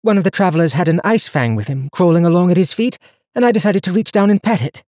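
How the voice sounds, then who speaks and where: A man's voice: sits high, animated, fast talker, a little mellow, no echo, studio quality, pitched above the performer's own voice. A man reading an audiobook, voicing a determined, capable young woman traveler who talks earnestly and rambles when tired.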